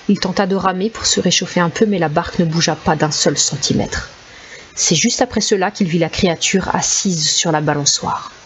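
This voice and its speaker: A woman narrates a storybook in a calm, measured way, her voice sitting slightly low. The recording is a bit dull, with a faint hiss in the background. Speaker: audiobook narrator. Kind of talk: scripted narration.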